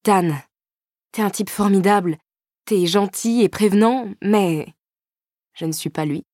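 A woman's voice: mid-range voice, unhurried, darkish tone, dry recording, clean studio sound, voice pushed up, close to an everyday voice. Female narrator doing a hurt young woman standing her ground, storybook dialogue. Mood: upset.

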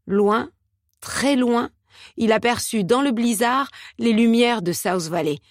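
A woman narrating an audiobook in a measured, steady reading style. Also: fairly high pitch, no echo, studio quality.

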